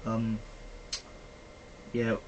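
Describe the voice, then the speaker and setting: Drawing out his words in a completely flat delivery, a young British man speaks with a lowish, slightly mellow voice, and the audio sounds dull. He is a vlogger rambling through a casual film review full of fillers, recorded poorly with faint background noise.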